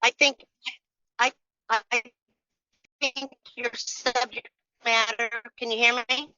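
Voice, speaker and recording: Woman, choppy breaking-up call audio, lo-fi line, keeps asking if she can be heard, fairly high voice. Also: fairly even intonation, slow, sharp tone. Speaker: meeting participant. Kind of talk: video call chat. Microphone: video call.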